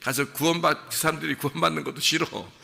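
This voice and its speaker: A man's voice: a little high, steady tone, fast, gravelly, bright, forceful tone. A male pastor preaching a sermon in a casual, conversational way, often asking the congregation rhetorical questions. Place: church sanctuary. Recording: long reverb of a church hall.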